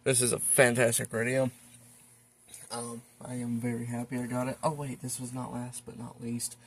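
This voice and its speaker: Indoors at home, an American hobbyist video host presents a casual show-and-tell vlog in a flat, mid-range voice at normal speed. He rambles in a folksy manner, muttering asides to himself as he goes.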